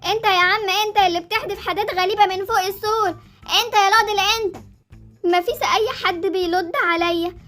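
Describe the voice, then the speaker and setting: Woman doing a squeaky bossy egyptian little girl, talks fast, always up to pranks. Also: a bit bright. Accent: Egyptian Arabic. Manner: chatty, bossy, mischievous. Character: cheeky young girl, playful prankster.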